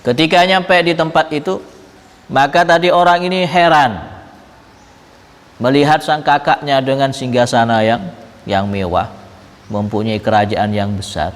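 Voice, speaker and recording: A man's voice: mid-range voice, steady tone, unhurried, pauses often. A man giving a Ramadan religious lesson, telling a story in a conversational way and mixing in Arabic-derived pronouns. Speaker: religious teacher. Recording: reverberant hall.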